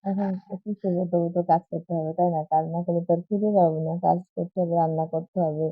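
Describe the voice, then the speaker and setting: A woman, hoarse from a cold, chatting in a rambling, repetitive way to her viewers in a casual morning vlog. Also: fairly low pitch, fairly even intonation, fast talker, dry recording, faint music behind. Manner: rambling, repetitive, keeps asking viewers if they follow. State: hoarse from a cold and sore throat. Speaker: vlogger. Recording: tinny phone-like audio.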